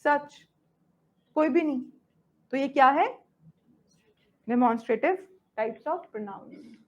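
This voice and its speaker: A woman's voice: high voice, very slow, lo-fi sound. A woman with an Indian English accent teaching a grammar lesson, often stopping to check that students follow. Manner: switches between Hindi and English, checks understanding often.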